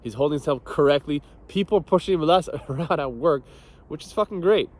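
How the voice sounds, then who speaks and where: A man's voice: on the high side, brisk, darkish tone. A young man, a fitness coach, talking casually and bluntly about training, swearing often and laughing as he tells stories. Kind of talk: casual motivational talk.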